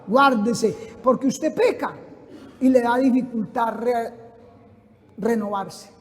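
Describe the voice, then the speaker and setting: A man preaching a fervent sermon, often rising to a shout. His voice sits high for a man. A long reverb from the church hangs behind every phrase. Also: takes it slowly.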